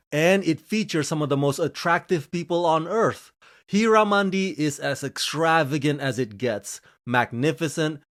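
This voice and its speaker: A man from Indonesia hosting his own channel, delivering a scripted series review with gushing, emphatic enthusiasm. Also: a bit bright. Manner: gushing, emphatic delivery with frequent swings in pitch and pace. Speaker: film reviewer and channel host.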